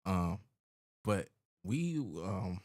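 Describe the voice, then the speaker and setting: A man with a low, deep voice co-hosts a casual podcast. He talks in a laid-back, rambling way full of slang, often trailing off and circling back to his point. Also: very animated, extremely slow, a little mellow. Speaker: podcast co-host.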